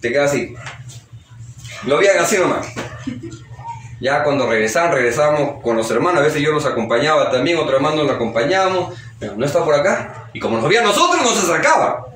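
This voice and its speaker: A man's voice: fairly high pitch, big pitch swings, quick pace, a bit bright, slight background noise. A man with a Peruvian Spanish accent preaching a sermon, telling a story animatedly and acting out its dialogue. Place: church hall. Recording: echoey hall, distant mic.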